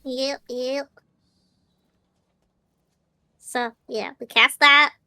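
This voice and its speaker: A woman playing a tabletop game, playful and relaxed as she describes her character's spells. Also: sits high, slow, smooth. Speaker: player.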